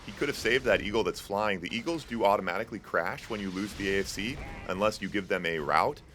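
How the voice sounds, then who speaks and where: A young tournament host and caster speaks fast in a fairly low voice with a sharp tone, giving casual play-by-play of a strategy game. Soft music plays behind him as he piles on fillers and jokes with chat.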